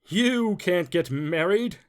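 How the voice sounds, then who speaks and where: A man puts on a pompous stink bug who runs the garden in this storybook reading. He booms his rules slowly and loudly, his pitch swinging widely. He sounds self-important and stern. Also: animated. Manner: loud, slow, booming decrees.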